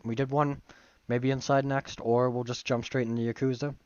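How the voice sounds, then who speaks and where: A man's voice: mid-range voice, flat delivery, normal speed, a little mellow, smooth, no room sound. A male streamer with a strained, tired voice, chatting loosely and swearing freely while signing off. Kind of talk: casual game stream chat. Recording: dull dry stream audio.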